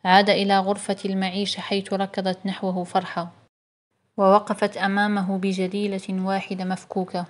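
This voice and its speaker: A woman narrating a novel as an audiobook in a calm, measured reading. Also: medium pitch.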